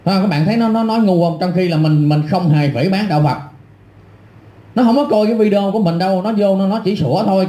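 A man's voice: high voice, warm tone, reverberant. A middle-aged man delivering an angry, scornful rant full of insults and repetition. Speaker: online commentator. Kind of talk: angry ranting monologue.

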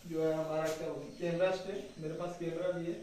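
A young man's slightly high, mellow voice moves fast and flat as he chats his way through a home tour vlog of a small concrete house with bare rooms and a rooftop. His sister films from a few steps back, so the audio is echoey and distant, with slight background noise.

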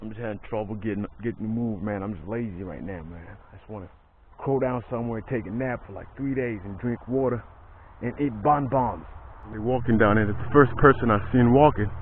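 A man on a pilgrimage walk, vlogging casually outdoors and in his tent, relaxed and prayerful, often tacking "man" onto his sentences. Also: on the low side, a little fast. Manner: laid-back, prayerful, says "man" a lot. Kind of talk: casual walking vlog. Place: outdoors, walking roads and camping in a tent. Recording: tinny lo-fi camera audio with faint outdoor noise.

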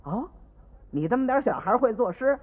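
A man's voice: very high voice, sing-song, pitched above the performer's own voice. A man doing blustering, bossy stewards. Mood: indignant. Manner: loud, indignant and quick. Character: blustering male household stewards, indignant and bossy. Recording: tinny old radio recording with long reverb.

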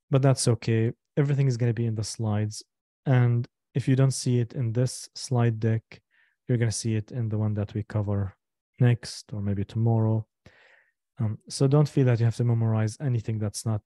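A male instructor giving a live online lecture, explaining slowly and patiently, repeating each step and asking the class for questions. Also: medium pitch, dark tone, no room sound, studio quality. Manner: asks the class for checks and questions.

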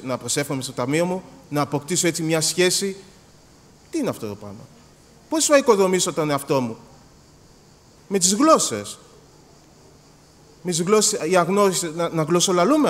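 Greek male preacher, lively pitch swings, acts out scenes, reverberant church hall. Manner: animated, acts out dialogues, repeats words. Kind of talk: sermon.

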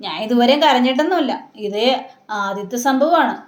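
A woman's voice: on the high side, animated, fairly quick, reverberant, lightly acted. Woman reading as a defensive young husband. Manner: plain retelling of a man's lines.

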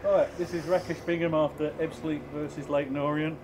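A man reporting from the stands with a somewhat high voice, chatty and prone to stumbling restarts. He holds the mic out toward his guest, off camera. Outdoor noise is clearly heard behind him. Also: flat delivery, brisk. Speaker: club TV reporter. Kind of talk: post-match interview questions. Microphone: handheld mic, off-camera.

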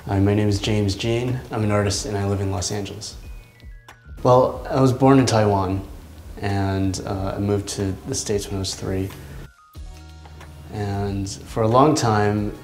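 An artist in his thirties gives a reflective interview in a large indoor art studio, speaking slowly and thoughtfully with many ums, hesitations and restarts as he searches for words. His low voice stays flat, and the echoey room has soft music playing underneath.

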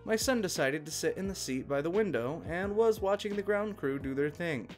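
Male story narrator, fairly high voice, steady reading, faint background music. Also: moderate pace. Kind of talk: scripted narration of an online post.

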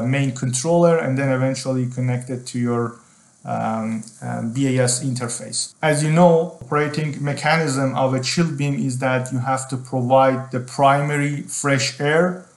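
Man explaining HVAC valves, halting delivery. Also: medium pitch. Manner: unscripted explaining with frequent ums and repeated phrases. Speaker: HVAC design instructor. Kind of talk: screen-share technical tutorial. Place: indoor room.

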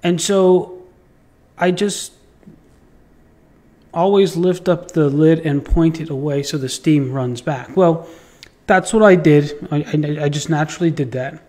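Slow-talking high-voiced man telling a story. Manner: animated storyteller, acts out voices and sound effects; swears freely, repeats words when excited. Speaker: podcast host. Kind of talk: casual storytelling monologue.

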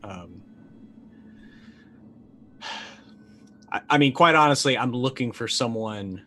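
Playing a tabletop roleplaying game over video call, a middle-aged man talks through his character's actions casually, hesitant and thoughtful. He's indoors with music playing, and his mid-range voice is expressive, slow, and sharp-toned.

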